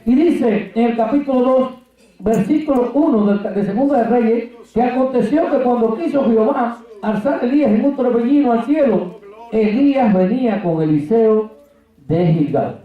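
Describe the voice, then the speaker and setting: A man's voice: extremely high pitch, animated, moderate pace, narrow, tinny audio. A man, a pastor and missionary from Cuba, preaching a Pentecostal sermon and telling stories that act out his dialogue with God. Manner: storytelling, acting out dialogue with God. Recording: very echoey hall, far from mic.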